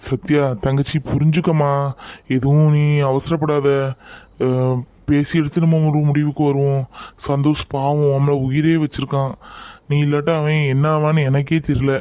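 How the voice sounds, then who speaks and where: A man's voice: on the high side, little pitch movement, moderate pace, warm tone, no echo, close to an everyday voice. A man playing an anxious older brother in an amateur family skit, reassuring and pleading with his upset sister. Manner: pleading, reassuring, worried muttering asides.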